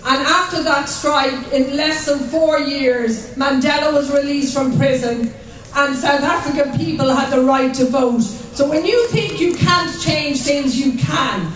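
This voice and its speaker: A woman's voice: sits high, measured pace, soft background music. An older woman with an Irish accent giving an impassioned, emphatic political speech at an outdoor demonstration. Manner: emphatic, declamatory, often shouting. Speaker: activist and rally speaker. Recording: echoey, noisy outdoor PA from distance.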